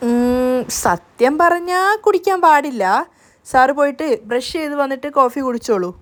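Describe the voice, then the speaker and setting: A woman playing a fearful, caring young woman in a spoken story recap. Her voice is high and bright, with a pleading, worried way of talking. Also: moderate pace, close to an everyday voice.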